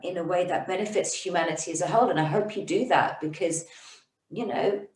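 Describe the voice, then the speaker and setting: A woman hosting an interview, talking in an effusive, encouraging way with halting restarts. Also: on the low side. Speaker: interview host. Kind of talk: conversational interview. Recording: roomy echo, distant from the mic.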